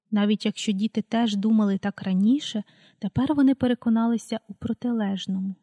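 Mellow-voiced woman reading a storybook. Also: mid-range voice, dry recording. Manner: calm, unhurried reading, announces page numbers aloud. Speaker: audiobook reader. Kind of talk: storybook read-aloud.

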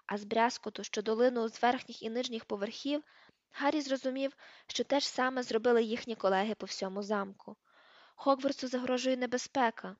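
A woman's voice: a little high, no echo. A woman narrating an audiobook, reading the page numbers aloud and shifting her voice for the characters. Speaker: audiobook reader. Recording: dull lo-fi dry recording.

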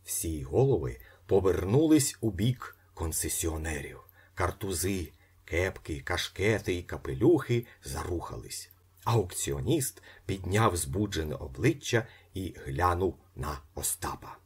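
A man narrating an audiobook with expressive, measured storytelling. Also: sits low, breathy edge.

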